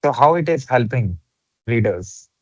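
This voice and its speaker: A man's voice: mid-range voice, lively intonation, unhurried, a little mellow, dry recording. A man hosting a podcast, asking a guest questions politely and hesitantly over a call. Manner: polite, hesitant with many fillers. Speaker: podcast host. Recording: dull dry lo-fi call audio.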